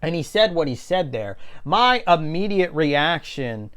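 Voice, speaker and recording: A man speaks in a clear, resonant voice that sits slightly high. He delivers unscripted opinion commentary as a rant. His manner is blunt and indignant, peppered with swearing. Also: big pitch swings, measured pace, fairly bright tone. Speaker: video creator giving commentary.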